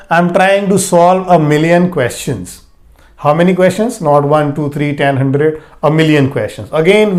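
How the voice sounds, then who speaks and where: A man explaining a grammar lesson slowly, stressing and repeating key words. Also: fairly high pitch, a little mellow. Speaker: English teacher.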